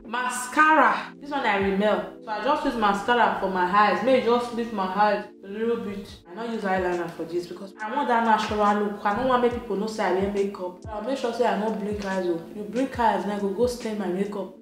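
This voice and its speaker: Chatty Nigerian woman in echoey room. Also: mid-range voice. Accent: Nigerian Pidgin English. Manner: chatty and playful, emphatic repetitions. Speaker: beauty vlogger. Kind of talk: casual makeup tutorial in Pidgin. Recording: very echoey room, light music behind.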